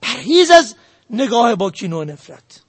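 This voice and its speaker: A man's voice: very high voice, sing-song, breathy edge, no room sound. A man giving a religious talk on family ethics, earnestly exhorting his listeners and laying out his points one by one. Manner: earnest, exhorting the audience directly. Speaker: religious lecturer.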